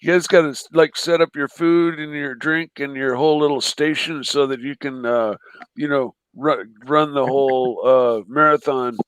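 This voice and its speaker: A man joining a casual livestream as a guest, explaining things in a hesitant, halting way with fillers. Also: mid-range voice, steady tone, clear, resonant tone, dry recording, rough recording.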